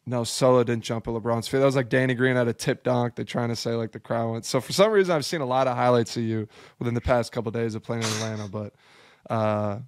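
A man's voice: medium pitch, steady tone, quick pace, dry recording, clean studio sound. A young man from upstate New York, a basketball player talking as a guest on a video-call podcast, easygoing and chatty. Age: young adult. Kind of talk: casual podcast conversation. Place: home studio room. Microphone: headphones with large studio mic, video call.

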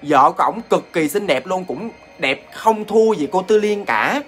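A man's voice: sits high, animated, a little slow, fairly bright tone, soft background music. A man with a Southern Vietnamese accent telling a ghost story in a chatty, casual way, often addressing listeners directly.

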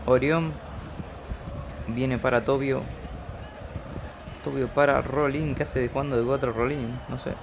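A man's voice: mid-range voice, steady tone, measured pace, gravelly, pauses often. A man with an Argentine accent giving casual, colloquial football commentary on a video game he is playing, cheering on his players. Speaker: YouTube gamer commentating his own match. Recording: dull lo-fi audio with loud noise.

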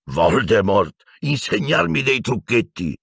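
A man's voice: mid-range voice, big pitch swings, vocal fry, a bit bright, husky, no room sound, clean studio sound, voice pushed up, exaggerated voice. A man voicing a bitter escaped prisoner wizard who speaks in a cold, growling, venomous way. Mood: cold menace. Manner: cold, accusing, slow menace.

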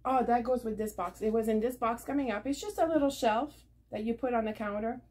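Sitting in her living room, a middle-aged vlogger chats casually to a camera on a nearby table about her thrift and yard sale finds, rambling with plenty of fillers. Her voice is fairly high, brisk and a little mellow.

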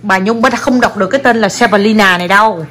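A mother, chatting casually to viewers in a family vlog while talking with her daughter, animated and quick to laugh. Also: mid-range voice.

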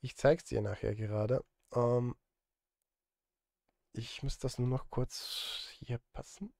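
At an indoor streaming desk, a man from Switzerland in his thirties, a film composer and live streamer, talks slowly with even intonation. His medium-pitched voice is creaky and darkish, with no room sound, as he rambles and mutters self-deprecatingly while working.

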